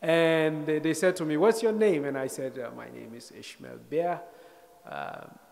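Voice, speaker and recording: A man in his thirties from Sierra Leone speaks to an audience in a lecture hall, his voice sitting a little high for a man. He tells a personal story with wry, self-deprecating humor, pausing to reflect as he goes. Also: gravelly, slight background noise. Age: 30s. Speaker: guest speaker.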